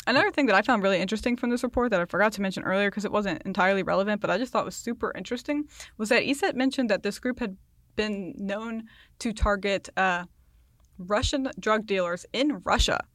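Woman podcast co-host, chatty, laughing, quick asides, close dry sound. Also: medium pitch, a bit bright, no echo. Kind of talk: casual podcast chat.

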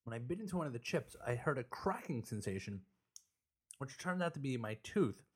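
A man's voice: mid-range voice, sing-song, a little fast, slightly rough. A man co-hosting a casual comedy podcast from his apartment, joking and laughing often as he reads out tweets. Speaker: podcast co-host. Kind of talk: casual chat.

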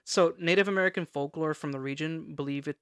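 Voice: mid-range voice, fast, a bit bright, clean tone, dry recording, studio quality. A podcast co-host telling spooky stories in a casual, chatty way, informal and playful with some swearing. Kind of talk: casual storytelling chat.

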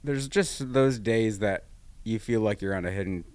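A man's voice: lowish voice, normal speed, darkish tone, clear, resonant tone, no echo. A man chatting casually as a podcast co-host, swearing as he tells stories about everyday frustrations. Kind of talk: casual chat.

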